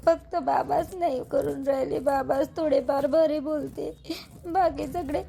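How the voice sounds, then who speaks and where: A woman's voice: high voice, vocal fry, warm tone. A woman voicing a tearful, wronged young daughter-in-law, crying and pleading in complaint. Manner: pleading, self-pitying complaints.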